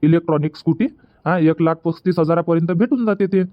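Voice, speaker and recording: The recording is muffled, and the man's slightly high voice moves at a quick pace, close to how he'd normally talk. He's dubbing an easygoing young husband in a Marathi comedy cartoon, coaxing and reassuring his wife while finding excuse after excuse.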